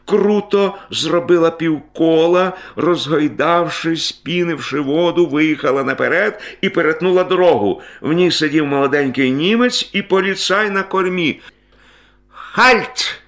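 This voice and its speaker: A man narrating a story aloud in an expressive reading style that rises and grows loud in tense moments. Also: fairly high pitch, moderate pace, few pauses.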